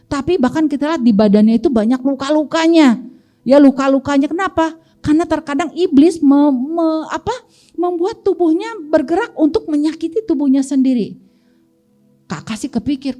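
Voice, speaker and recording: A woman's voice: sits high, moderate pace. A woman Sunday school teacher with an Indonesian accent, telling children a Bible story and asking them questions along the way. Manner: lively, asks the children questions and answers them.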